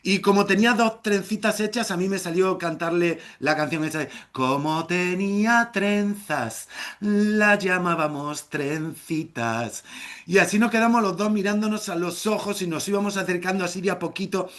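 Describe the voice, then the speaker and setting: A middle-aged man telling a humorous story live, playful and theatrical, with shouted exclamations. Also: sits high, fairly even intonation, fast, hardly any pauses.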